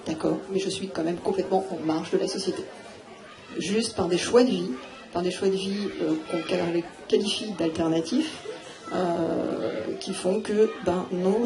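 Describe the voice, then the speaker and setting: A woman speaking on a live round-table panel, thinking aloud with many pauses and fillers. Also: medium pitch. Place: theatre hall. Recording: noisy live room recording.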